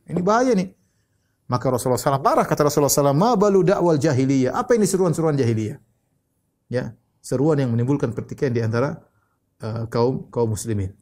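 Slightly high-voiced man preaching a lecture. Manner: explanatory, restarts often, quotes Arabic then translates; rises sharply when voicing shouts in the story. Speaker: Islamic preacher. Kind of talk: religious lecture with storytelling.

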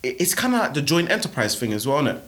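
A man's voice: medium pitch, sing-song, very fast, a bit bright. A man with a London accent chatting casually in urban slang, often checking that his listener follows. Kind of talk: casual chat.

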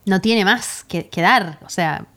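A woman with a Rioplatense Spanish accent in casual chat, who reacts fast and teases. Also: mid-range voice, fairly bright tone. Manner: quick reactive interjections, teasing.

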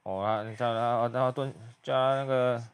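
A young man giving hushed, muttered play-by-play commentary as he reacts to a video. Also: mid-range voice, fairly even intonation, normal speed, smooth.

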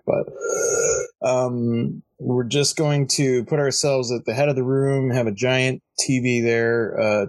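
On poor audio, a young podcast co-host speaks in a mid-range, slightly mellow voice with vocal fry. He rambles through casual chat with lots of ums and restarts, sounding sleepy, as if he just got up.

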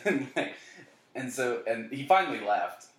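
A man's voice: medium pitch, measured pace. A young man, a bartender, telling a story in casual chat, swearing freely and acting out what people said. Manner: animated storytelling, swears freely, acts out quotes. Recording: echoey room.

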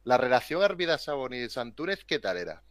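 A man's voice: medium pitch, very animated, brisk, a bit bright. A man from Spain hosting a casual interview, asking questions in a teasing way and laughing easily. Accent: Spanish from Spain. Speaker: host and interviewer.

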